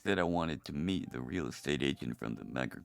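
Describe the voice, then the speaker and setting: A streamer voicing a male robot character in a streamed tabletop game, using a robot voice filter and a flat, deadpan delivery. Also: a bass voice, a little fast, vocal fry, clear, resonant tone, pitched below the performer's own voice, heavily acted. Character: deep gravelly male robot adventurer.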